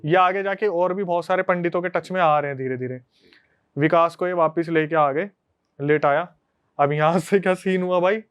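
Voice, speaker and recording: A man hosting a podcast, telling a story to his friends in a casual, animated way. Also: fairly high pitch, normal speed, smooth. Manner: animated, conversational retelling to friends.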